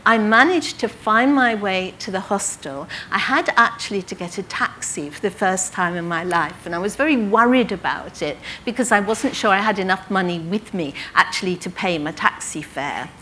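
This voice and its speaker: An older woman from England recounting her early writing career to an audience, in a lively anecdotal way with quoted dialogue. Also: medium pitch, moderate pace, hardly any pauses, slight background noise. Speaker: author telling her life story. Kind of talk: storytelling talk to an audience.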